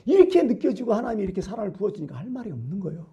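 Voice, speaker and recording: A man's voice: high-pitched, sing-song, rapid-fire, lo-fi sound. Emphatic preaching male pastor. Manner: emphatic preaching with rhetorical questions, swinging from loud to hushed. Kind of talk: sermon. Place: church.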